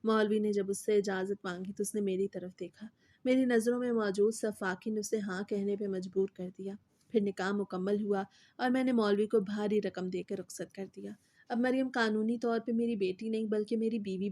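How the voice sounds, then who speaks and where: A woman storyteller giving steady, scripted narration of a moral story. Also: medium pitch.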